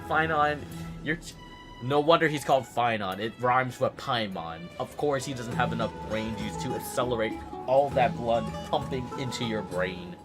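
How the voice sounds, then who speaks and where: A man's voice: mid-range voice, normal speed. A young man giving casual, joking commentary over a video game, profane and laughing often. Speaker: gaming video creator. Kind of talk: casual gameplay reaction commentary. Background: game music.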